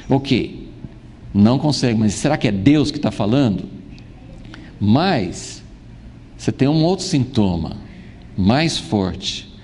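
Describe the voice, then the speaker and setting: Animated male Bible teacher in a hall. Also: medium pitch, gravelly, slight background noise. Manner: lively, addresses the audience directly, frequent fillers. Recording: long hall reverb.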